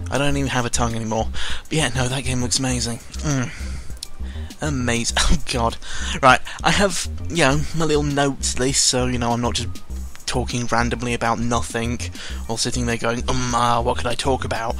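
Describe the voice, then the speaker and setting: Background music sits under a man's casual gaming commentary, which is off-the-cuff, meandering, self-mocking and profane. The speaker, a gaming video creator, has a medium-pitched, slightly bright voice with a steady tone and moderate pace.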